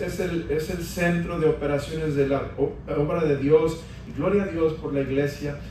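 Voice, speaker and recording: High-voiced pastor preaching in an echoey church. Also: male voice, a little mellow, slight background noise. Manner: preaching with emphatic rises, addressing the congregation as brothers. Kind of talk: Spanish-language sermon. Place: large church hall. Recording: echoey church hall from a distance.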